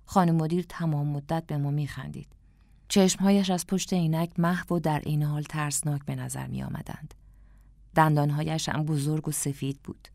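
A woman narrating an audiobook in a calm, reflective storytelling manner. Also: deep voice, gravelly, dry recording, studio quality.

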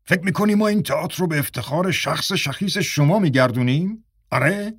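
A man's voice: fairly high pitch, lively intonation, husky, no room sound, studio quality, voice pushed up. A male narrator voicing a stern, irritable theatre director who scolds a late actor in a raised, commanding voice. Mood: angry.

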